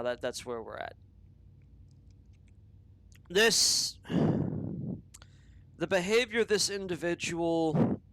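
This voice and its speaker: A man's voice: fairly high pitch, smooth, low-quality recording. A man hosting an unscripted opinion podcast, talking in a rambling, profane monologue full of restarts and tangents. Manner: rambling, profane, self-interrupting. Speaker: podcast host.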